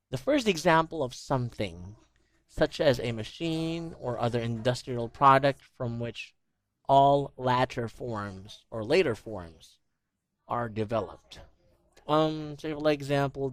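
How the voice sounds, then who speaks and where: A man's voice: medium pitch, animated, takes it slowly. Patient male English teacher on a call. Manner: patient, explains with everyday examples, frequent "you know". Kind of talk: online one-on-one English lesson.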